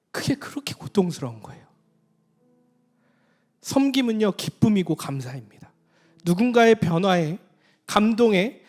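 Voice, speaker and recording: High-voiced pastor preaching, hushed to emphatic. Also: male voice. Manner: swings between hushed near-whispers and raised emphatic preaching; acts out quoted voices in his own voice. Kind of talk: sermon.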